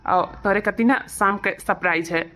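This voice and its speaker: A woman voicing a caring, gently bossy young husband in a cartoon, speaking with a Bhojpuri accent. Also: mid-range voice, normal speed, slight background noise, natural voice.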